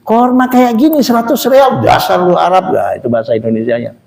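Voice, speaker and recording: A man's voice: sits high, a little fast, gravelly, darkish tone. A male preacher giving a Sunday morning mosque sermon, joking and asking the congregation questions. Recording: echoey mosque hall.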